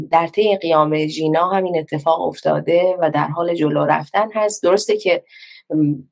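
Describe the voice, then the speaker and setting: A woman speaks on a discussion panel, weighing each point and pausing between phrases. Her voice is very low and has a rough, gravelly fry running through it. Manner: measured and thoughtful, pausing to search for words. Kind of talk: panel talk.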